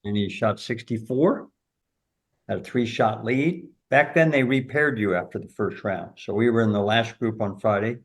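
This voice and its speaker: An older man tells caddie stories as an interview guest, with an animated delivery. He chuckles often and fills his sentences with "you know.". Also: lowish voice, moderate pace. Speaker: golf teacher and former caddie, guest. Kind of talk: anecdotal storytelling in an interview.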